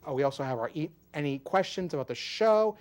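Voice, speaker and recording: A man's voice: fairly high pitch, expressive, quick pace, darkish tone. A man co-hosting a wrestling podcast, explaining in a rambling way and often restarting his words. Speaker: podcast co-host. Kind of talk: casual wrestling podcast chat.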